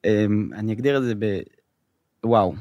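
A man's voice: lowish voice, a little mellow, no echo, muffled recording. A middle-aged man telling a story as a guest in a studio interview, hesitant and full of fillers. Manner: hesitant, many fillers and restarts. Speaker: guest, government finance official. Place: podcast studio.

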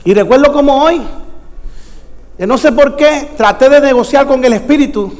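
A Puerto Rican man preaching a storytelling sermon in Spanish with a Puerto Rican accent, dramatically acting out dialogue and bursting into shouts. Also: very high voice, normal speed. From Puerto Rico. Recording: long hall reverb.

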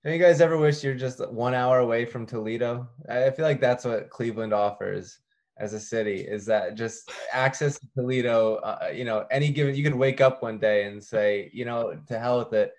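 A man's voice: medium pitch, normal speed, darkish tone. A man co-hosting a sports podcast, cracking wry jokes and laughing along. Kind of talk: casual sports chat.

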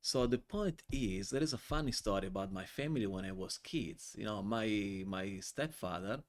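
Man, 40s, Italian accent, lowish voice, animated joking storyteller, podcast guest. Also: normal speed. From Italy. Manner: animated, joking storyteller in non-native English. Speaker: guest, wine importer. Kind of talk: casual podcast interview.

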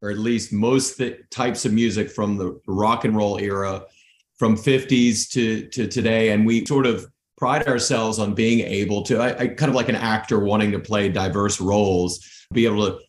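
A man's voice: on the low side, fairly even intonation, moderate pace, slight background noise. Rambling man, echoey room. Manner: rambling, many restarts and "you know". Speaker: podcast guest, musician and high school teacher. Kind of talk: casual interview chat.

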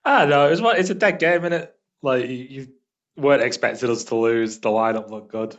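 A man's voice: medium pitch, fairly quick, highs cut off. A man giving blunt, casual banter as a regular on a football podcast.

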